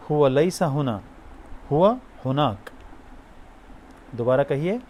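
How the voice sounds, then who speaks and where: Man, language teacher, slow repeated drill phrases, encouraging prompts, mid pitch. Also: lively intonation, darkish tone, slight background noise. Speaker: Arabic teacher. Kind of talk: spoken language drill lesson.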